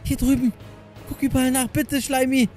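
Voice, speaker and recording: A man's voice: very high voice, level tone, moderate pace, a little mellow, faint music behind. A man hosting and acting in a Minecraft role-play film, urgently directing his friends and talking to his viewers. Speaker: YouTuber and narrator.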